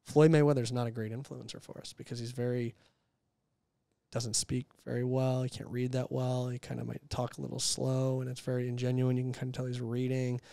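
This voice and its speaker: A man in his thirties, an entrepreneur guest talking candidly in a casual interview, animated and quick to act out quotes. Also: mid-range voice, gravelly, clear, resonant tone, no room sound. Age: 30s.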